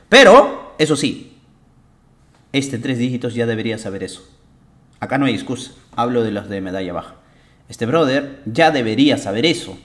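A young man coaching players through a match replay. His talk is blunt, emphatic and salted with profanity. His pitch swings widely as he drives each point home. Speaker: game coach and streamer. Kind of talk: casual game analysis commentary.

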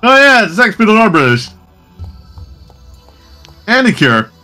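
High, lively joking man. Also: measured pace, soft background music. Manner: laughs often, animated and joking. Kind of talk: casual chat while gaming.

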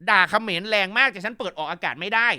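Male news-chat host, fairly high and very bright tone, gossipy and animated. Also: fast talker, clean tone. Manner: animated, gossipy, crude jokes. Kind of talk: casual news commentary.

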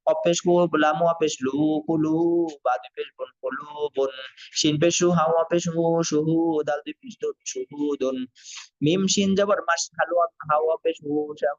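A man teaching Quran reading in an online class, sounding out syllables slowly and repeating them for learners. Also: a little high. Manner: slow syllable-by-syllable drilling, repetitive. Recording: dull lo-fi sound.

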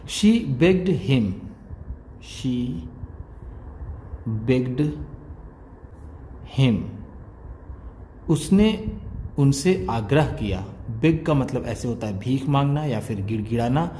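Slow, mellow-voiced male English tutor. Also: mid-range voice, lively intonation, a little hiss or hum, poor audio. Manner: spells out each word slowly, then explains meaning. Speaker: English teacher, channel host. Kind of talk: slow word-by-word reading lesson.

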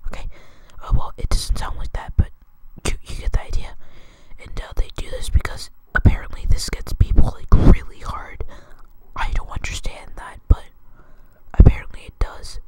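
A man's voice: normal speed, dark tone. A young man hosting his channel in a hesitant whispered role-play, rambling and jokey, with many fillers and restarts. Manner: jokey, crude. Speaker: channel host. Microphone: close mic.

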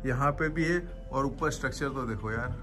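A man from Gujarat, India, films a walking tour vlog and keeps excitedly telling viewers to look around. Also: medium pitch, normal speed. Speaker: travel vlogger. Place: underground cafe, then outdoors on city streets. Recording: music playing behind the voice.

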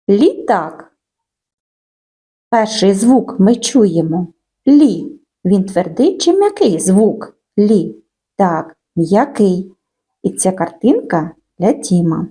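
Woman teacher, children's phonics lesson, slow pace, lively sing-song pitch, breathy mellow tone.

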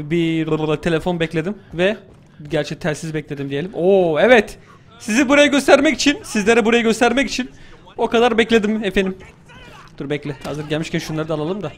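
A young man casually commenting on his gameplay, joking around and shouting excitedly at the action. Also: sits high. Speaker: gaming YouTuber.

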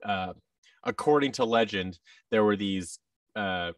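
A man in his thirties, an audio drama creator, appears as a podcast guest on a video call from an indoor room, chatting casually and acting out quoted exchanges with animation. His voice is fairly low and measured in pace. The boom-arm microphone with headset gives studio-quality sound with no echo, though the mic sounds distant.

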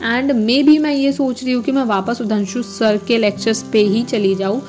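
Casual rambly study vlog girl, slightly high voice, keeps correcting herself, low music behind. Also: steady tone, normal speed, a little mellow. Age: young adult. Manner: chatty, rambling, self-correcting. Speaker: vlogger, exam student.

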